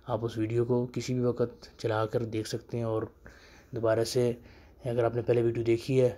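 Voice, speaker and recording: A man who teaches Arabic phrases in a casual spoken lesson, slowing down to repeat each phrase for learners. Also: mid-range voice, completely flat delivery, dark tone.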